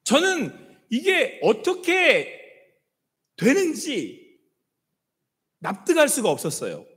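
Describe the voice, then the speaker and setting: A middle-aged male senior pastor preaching a sermon with passion, now and then sinking to soft, hushed words. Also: extremely high pitch, huge pitch swings, takes it slowly. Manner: impassioned preaching, dropping to soft hushed quotes of God. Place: church sanctuary. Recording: long church-hall reverb.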